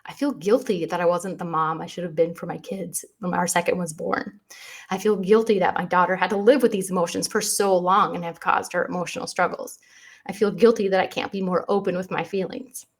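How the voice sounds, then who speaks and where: An earnest woman in her thirties tells a heartfelt personal story on her podcast. Her voice sits in an ordinary middle register, and she speaks openly and emotionally, sometimes on the edge of tears. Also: medium pitch. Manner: earnest, emotional, tearful at times. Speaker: podcast host.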